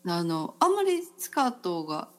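Lively-voiced woman hosting a chat. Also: on the low side, moderate pace. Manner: chatty, laughs often, many fillers. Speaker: podcast host. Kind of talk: casual conversational chat.

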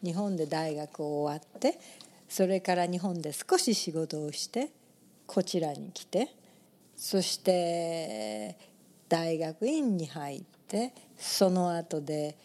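A woman with a Tokyo accent speaks as a guest on a radio show. Her voice is fairly low and mellow, and her answers come calm and measured, often short. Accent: Tokyo Japanese. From Japan. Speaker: guest, Japanese teacher. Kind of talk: radio interview.

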